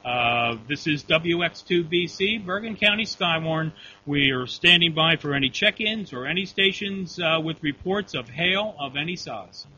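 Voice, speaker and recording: Guy running a ham radio storm net, really bright forceful voice, formal radio talk, muffled with faint hum. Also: on the high side, animated, normal speed. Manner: formal, procedural radio phrasing. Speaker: weather net control operator.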